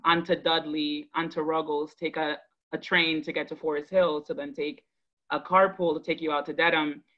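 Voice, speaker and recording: Over dull, lo-fi video call audio from indoors, an education advocate in her thirties speaks as a guest, recounting her life to viewers online. Originally from the Dominican Republic, she grew up in Boston from age five. Her low voice is earnest, measured and reflective.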